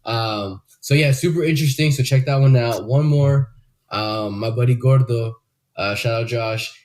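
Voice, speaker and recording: Young male podcast co-host, loose and rambling, casual chat full of "um" and "like", mid-pitched. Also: moderate pace, darkish tone. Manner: loose, rambling, swears a lot, many fillers.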